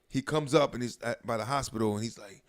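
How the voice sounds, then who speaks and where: A man's voice: mid-range voice, fast. A man cohosting a podcast in casual chat, telling stories with lots of swearing and laughter. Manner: profane, laughing storyteller.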